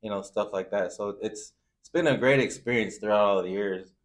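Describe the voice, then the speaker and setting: This Zambian-born man, now living in the US, runs a food truck and is the guest in a relaxed interview. His voice sits fairly low and moves at a moderate pace as he tells personal stories in loose, slangy speech peppered with "you know."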